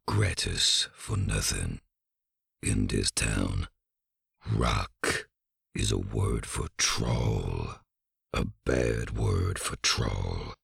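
A massive troll musician, his voice dropped to a cavernous depth and ground into a gravelly, rasping rumble. He drags out each clumsy, broken-grammar phrase at a crawl, in a dry, close storybook reading. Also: fairly bright tone, heavily acted. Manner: slow, laboured speech in broken grammar. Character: huge slow-witted male troll musician.

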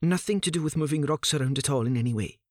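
A man voicing a nervous young male bard who answers in anxious, hurried denials. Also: on the high side, voice pushed up, close to an everyday voice.

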